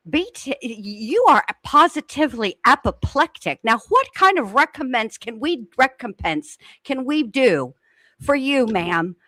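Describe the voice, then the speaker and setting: A woman co-hosting a commentary stream, sassy and animated. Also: high-pitched, no echo. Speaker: co-host. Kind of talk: casual commentary chat.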